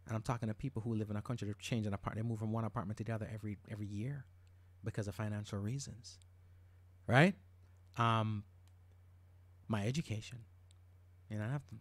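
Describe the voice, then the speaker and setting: A man's voice: on the low side, no room sound. Emphatic man from Jamaica, podcast host. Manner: emphatic, repeats words when worked up. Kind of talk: casual monologue.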